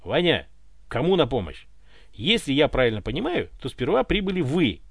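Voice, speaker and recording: A man's voice: mid-range voice, huge pitch swings, moderate pace, vocal fry, breathy edge, no room sound, studio quality, full character voice. A man voicing a cocky, mocking space smuggler in an audiobook, taunting as he talks. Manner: sneering, taunting.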